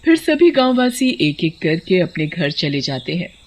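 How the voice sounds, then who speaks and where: A woman narrating a cartoon story in a lively storytelling manner. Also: fairly low pitch, normal speed, no room sound.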